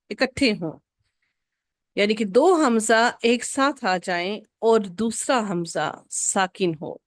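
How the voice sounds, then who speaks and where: A woman teaching an Arabic grammar lesson, patiently repeating each rule slowly for her students. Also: a little high, no echo, studio quality.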